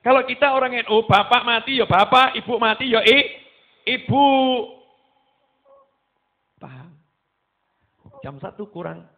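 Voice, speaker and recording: A man with a Javanese accent preaching a sermon to a gathering, animated and acting out voices as he goes. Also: very high voice, a little slow, pauses often. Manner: animated, mixing Javanese into his talk, acting out quoted voices. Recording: tinny phone-like sound.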